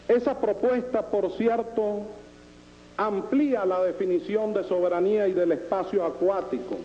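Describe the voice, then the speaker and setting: A man with a Venezuelan Caribbean Spanish accent giving formal political oratory in deliberate, rhetorical phrases with emphatic repetition. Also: high voice, dull audio, slight background noise. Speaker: political speaker presenting a constitutional proposal.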